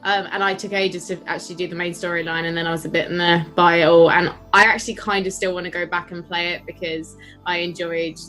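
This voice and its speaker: Woman podcast co-host, bright tone, lively swearing chatter. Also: lowish voice, fast, faint music behind, poor audio. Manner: lively, swears, laughs, mimics game characters. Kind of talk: casual gaming chat.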